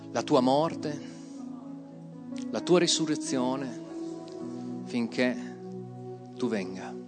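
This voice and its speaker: A man preaching and leading prayer in church, slow and prayerful, rising to loud fervent exclamations. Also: mid-range voice. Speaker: pastor. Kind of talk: sermon.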